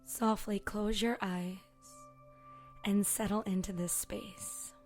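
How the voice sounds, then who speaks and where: With fairly even intonation and a mid-range voice, a yoga teacher talks listeners through a guided meditation. She is soft and calming, pausing long and occasionally slipping toward a breathy whisper, backed by soft music with singing bowl tones.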